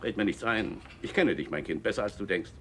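A man's voice: on the low side, a little fast, lightly acted. An actor playing a middle-aged innkeeper and father who scolds his grown daughter, in a 1960s TV drama. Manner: gruff, scolding. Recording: old TV soundtrack with faint hiss.

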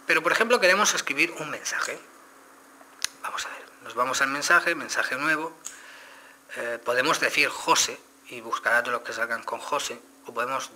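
Bright-voiced man from Spain demoing. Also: medium pitch, a little hiss or hum. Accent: Spain Spanish. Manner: explanatory, addresses viewers directly. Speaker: phone reviewer. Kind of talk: casual product demo.

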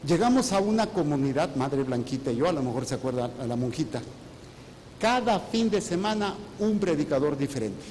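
Priest preaching, high voice, playful jabs at the crowd, long echo in the church, faint rumble. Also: male voice, very animated, a little fast, darkish tone. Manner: teasing, asks the congregation questions and answers them himself. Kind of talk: sermon.

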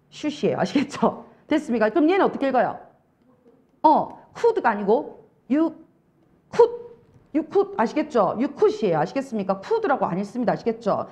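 A young woman with a Busan Gyeongsang accent lecturing an English test-prep class, animated and constantly checking that students follow. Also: fairly high pitch. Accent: Busan Gyeongsang Korean. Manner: animated, keeps checking understanding with rhetorical questions.

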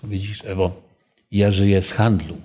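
Low, warm and husky, this man's voice stays fairly even as he speaks at a moderate pace. Guiding a Bible study group, he chats with them, asks them questions, and recounts personal experiences.

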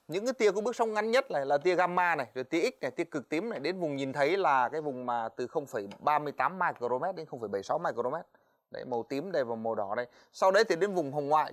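A man teaching physics in a televised exam-review lesson, talking to students in a chatty way with many fillers and quick checks for understanding. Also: on the high side. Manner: quick, chatty, stops often on "đấy" and "ờ"; addresses students directly, asks "right?".

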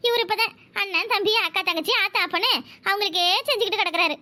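A nagging, sharp-tongued young village wife from a cartoon, as a woman voices her, with a Kanyakumari Tamil accent. The voice is extremely high and piercingly bright, rattling on fast. It sounds close and dry. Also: no room sound. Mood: complaining. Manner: nagging, quarrelsome. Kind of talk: cartoon voice acting.

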